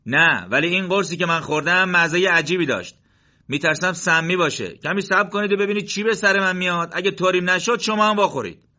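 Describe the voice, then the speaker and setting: A man playing a tense young soldier, high strained voice, shouting, dull lo-fi sound. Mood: wary. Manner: shouting in battle. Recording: dull lo-fi recording.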